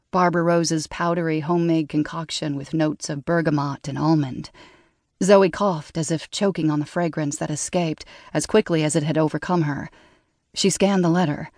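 A woman narrating an audiobook in a measured, steady way, recorded close on a studio mic. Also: deep voice, no room sound. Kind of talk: scripted narration.

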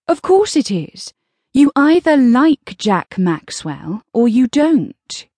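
A woman's voice: fairly high pitch, sing-song, slow pace, warm tone, dry recording, pitched above the performer's own voice, heavily acted. A woman narrator voicing a pushy, playful young woman teasing her sister in an audiobook. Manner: pushy, playful and matter-of-fact. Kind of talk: audiobook dialogue.

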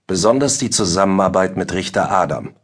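A man narrating a classic story for children in a measured storytelling manner. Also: sits low, expressive, husky. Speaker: audiobook narrator.

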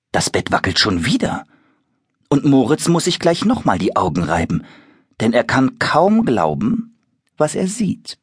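A man narrating a children's audiobook with expressive storytelling. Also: on the low side, husky, dry recording, clean studio sound.

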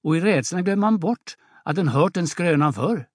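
A man's voice: on the high side, expressive, dry recording, clean studio sound. A man voicing a wailing old peasant mother. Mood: bitter. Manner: wailing, exclamatory scolding. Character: aging peasant mother, scolding and fretful. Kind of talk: audiobook drama reading.

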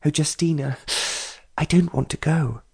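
Brief: male reader doing a pretty, gushing young society girl in love, pitched up, soft and warm. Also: moderate pace, slightly rough. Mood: dreamy. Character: pretty young society woman, dreamy and lovestruck.

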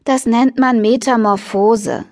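A woman's voice: mid-range voice, expressive, moderate pace, no room sound, close to an everyday voice. A woman reading a cool, know-it-all teenage schoolgirl in an audiobook, dry and lecturing.

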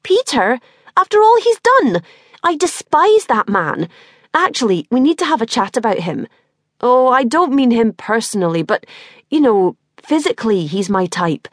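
A woman's voice: on the high side, very animated, normal speed, no room sound, clean studio sound, pitched above the performer's own voice. A woman voicing an exasperated, blunt young mother who swears freely, in an audiobook.

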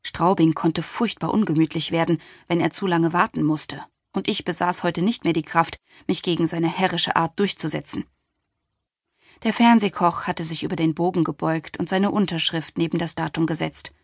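Husky woman narrating an audiobook. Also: lowish voice, steady tone, moderate pace, no room sound, clean studio sound. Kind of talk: first-person audiobook narration.

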